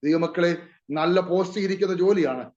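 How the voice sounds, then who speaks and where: A man's voice: high-pitched, moderate pace, a little mellow, reverberant. Emotional preacher man giving a testimony. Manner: emotional, calls out to the congregation often. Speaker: pastor. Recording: muffled lo-fi recording.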